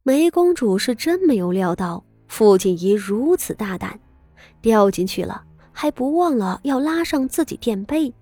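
A woman reading a serialized story aloud as its narrator, with dramatic, expressive delivery and tense pauses. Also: a little high, no room sound, faint music behind. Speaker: audiobook narrator.

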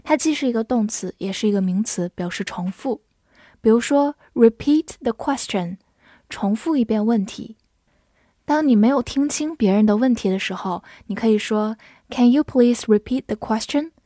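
A woman teaching English vocabulary, who spells words letter by letter and reads example sentences slowly. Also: on the high side, mellow, dry recording, clean studio sound. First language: Chinese. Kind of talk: slow, clear vocabulary lesson.

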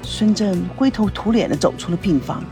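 A woman narrating a dramatic story in an expressive, animated reading. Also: medium pitch, normal speed, soft background music.

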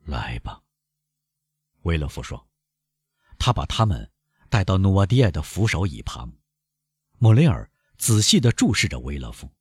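Brief: male audiobook narrator, very low, husky, slow and wide-ranging, dry close sound. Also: no room sound. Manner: measured, expressive storytelling.

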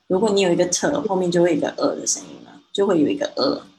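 A Mandarin-speaking woman with a low voice gives a one-on-one English pronunciation lesson. She corrects gently and models each word slowly and clearly. A faint hiss of noise sits under her voice. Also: big pitch swings, rough recording. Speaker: English teacher.

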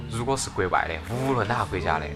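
A man's voice: fairly low pitch, lively intonation, fast talker. A man with a Sichuanese accent hosting a casual chat in a joking, teasing way. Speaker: talk show host. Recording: prominent music behind the talk. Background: music.

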